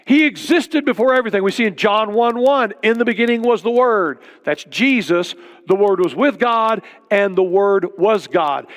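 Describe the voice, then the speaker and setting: High-voiced man preaching in a reverberant hall. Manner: earnest preaching with emphatic repetition. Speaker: pastor. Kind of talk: sermon.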